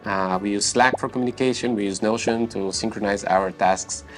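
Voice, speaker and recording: Man, thirties, from bulgaria, low voice, measured with pauses, faint music behind. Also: fairly even intonation. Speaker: company founder and YouTuber. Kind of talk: interview answers and direct-to-camera talk.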